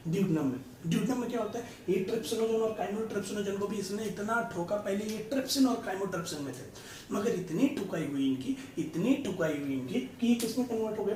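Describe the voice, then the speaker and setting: Brief: high-voiced male tutor, playful analogies, echoey room. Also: a little mellow, far from the mic. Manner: asks the class checking questions, tells playful analogies. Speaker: biology tutor. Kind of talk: casual classroom explanation with stories. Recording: echoey room from off mic, faint noise.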